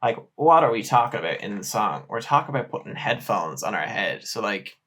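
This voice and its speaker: A young Irish man talking casually about his own song, relaxed and chatty with plenty of ums and likes. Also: lowish voice, fairly quick, breathy edge. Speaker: musician. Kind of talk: casual music breakdown talk.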